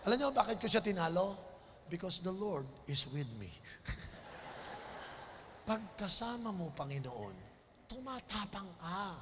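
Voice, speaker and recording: Animated high-voiced preacher in a hall. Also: male voice, measured pace, long pauses. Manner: animated, swings from soft to shouting, laughs, mixes in English phrases. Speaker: bishop, preacher. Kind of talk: storytelling sermon. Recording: long hall reverb, faint noise.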